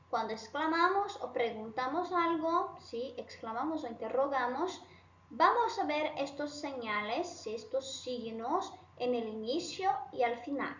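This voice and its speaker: High-pitched lady teacher explaining stuff, keeps asking "right?", echoey muffled room. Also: a bit bright, slight background noise. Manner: checks in constantly with short tag questions; repeats and rephrases points slowly. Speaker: Spanish teacher. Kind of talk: online language lesson. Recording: roomy, slightly dull sound.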